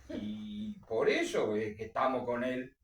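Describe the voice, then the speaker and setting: A man reading a story aloud for a book club, dramatic, with strong swings in pitch and volume. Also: very animated, measured pace, vocal fry. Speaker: reader. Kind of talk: literary reading. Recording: roomy echo, distant mic.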